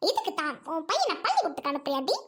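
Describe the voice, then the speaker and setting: Woman plays shouting neighbor lady, shrill insults, very animated. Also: racing, soft background music, heavily acted. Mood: quarrelsome. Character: loud quarrelsome neighbor woman.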